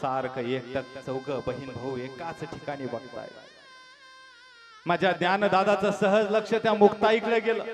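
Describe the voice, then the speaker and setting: A man's voice: on the high side, fairly even intonation, a little slow. A man from Maharashtra telling a saint's life story as a kirtan preacher, with emotional, dramatic and tearful storytelling. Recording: sermon with devotional music behind.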